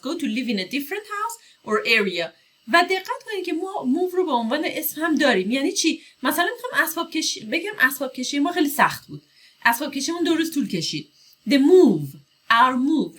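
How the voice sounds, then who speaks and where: A woman with a Persian accent teaching English vocabulary, explaining each word and reading English phrases slowly and clearly. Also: a little high, bright, forceful tone. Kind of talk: vocabulary lesson.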